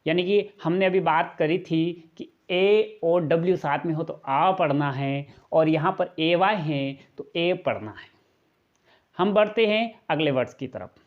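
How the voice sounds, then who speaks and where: A man's voice: on the high side, unhurried, phone-quality sound. A man teaching English pronunciation step by step in a video lesson, repeating each point and asking rhetorical questions. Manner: patient, step-by-step explaining. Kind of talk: classroom-style video lesson.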